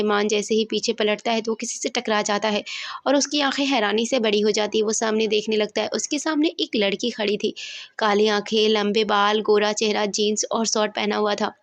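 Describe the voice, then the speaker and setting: A woman narrating a romantic story in a steady, scripted reading voice and reading every part herself. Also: medium pitch, gravelly, no room sound.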